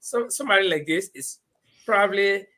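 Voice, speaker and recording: A man with a Liberian accent hosting an animated live political discussion, speaking emphatically and repeating his phrases. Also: sits high, normal speed. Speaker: panel host.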